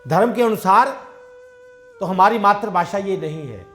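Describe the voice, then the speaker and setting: An unhurried man with a high, somewhat bright voice preaches a devotional sermon as a satsang preacher, with faint music behind. He relates everyday parables conversationally, acting out the dialogue himself.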